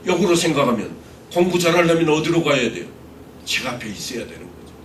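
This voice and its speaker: A man's voice: a little high, big pitch swings, a little fast, echoey room, far from the mic, slight background noise. A middle-aged male pastor delivering an expository sermon, earnest and full of rhetorical questions. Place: church sanctuary.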